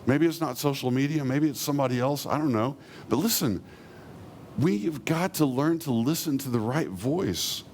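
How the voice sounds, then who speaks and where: A man preaching a sermon, earnestly, slowing down and softening when he quotes God's words. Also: mid-range voice, lively intonation, a little hiss or hum. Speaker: pastor.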